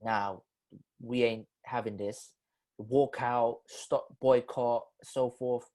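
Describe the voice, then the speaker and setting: A man's voice: mid-range voice, fairly even intonation, slow, darkish tone. A man in his twenties from the Philippines, a podcast host in casual chat, loose and slangy, turning earnest on serious topics. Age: 20s.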